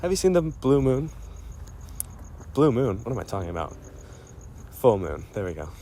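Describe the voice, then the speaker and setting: A man with a warm, sing-song, mid-range voice speaks at a moderate pace over a little hiss or hum. It's a casual, rambling personal memo for a friend, playful and self-mocking, with frequent self-interruptions and detours from his thread.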